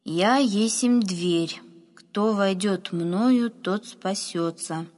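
A woman voicing a plain-spoken male stable groom in a storybook, speaking slowly and carefully. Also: mid-range voice, a little mellow, big-room sound. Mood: solemn. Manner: slow, measured reading of scripture. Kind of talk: storybook reading.

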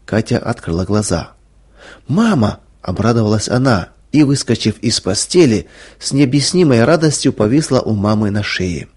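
A man narrating a story in a calm, earnest reading voice. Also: on the low side, normal speed, husky.

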